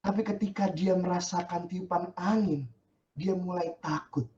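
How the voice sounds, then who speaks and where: Joking high-voiced pastor. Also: male voice, fairly even intonation, moderate pace, dark tone, lo-fi sound. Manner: chatty, joking, slangy. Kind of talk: casual youth sermon.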